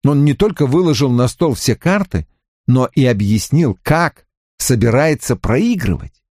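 A man narrating an audiobook in a deliberate, expressive way. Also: medium pitch, dry recording, studio quality. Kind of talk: audiobook reading.

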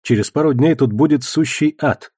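Audiobook: musing older wizard, male narrator voicing him, mellow, husky and dry. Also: a little high, moderate pace, no room sound, voice pushed up. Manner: wandering, thoughtful.

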